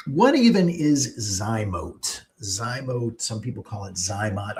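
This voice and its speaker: Chatty male doctor explaining fertility. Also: medium pitch. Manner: chatty, explanatory, lots of ums and uhs. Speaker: fertility doctor hosting a live show. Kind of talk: live-streamed Q&A talk.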